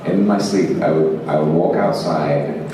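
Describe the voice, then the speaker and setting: A man from Zimbabwe with a very low voice tells rambling, self-mocking stories to a convention crowd. He laughs often and leans heavily on fillers. The sound is picked up from a distance and rings through a big, echoing hall. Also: a little slow, mellow, slight background noise. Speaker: actor answering fan questions on a panel. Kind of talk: convention Q&A storytelling. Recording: echoey hall, mic heard from afar.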